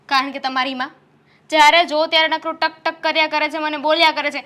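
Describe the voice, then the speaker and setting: A fed-up young wife, high and fast. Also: female voice, little pitch movement, bright, forceful tone. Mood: angry, fed up. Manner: heated, rapid complaining. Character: young wife fed up with her mother-in-law. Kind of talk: Gujarati short film acting.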